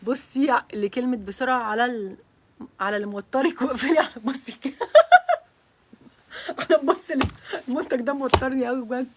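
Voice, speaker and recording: Giggly, flustered Egyptian woman, high voice. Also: fast, slight background noise. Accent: Egyptian Arabic. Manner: giggly, flustered and nervous, often breaking into laughter. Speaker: beauty blogger hosting a live stream. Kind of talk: casual live-stream chat with viewers.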